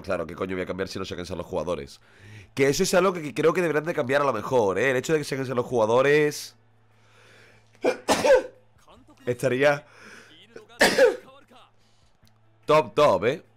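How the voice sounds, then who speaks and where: Man, sick with a cold, live game commentary, lively up-and-down delivery, mid pitch. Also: normal speed, pauses often. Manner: excitable, swears constantly, shouts at the game. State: sick with a runny nose. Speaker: streamer. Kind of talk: live gaming stream commentary.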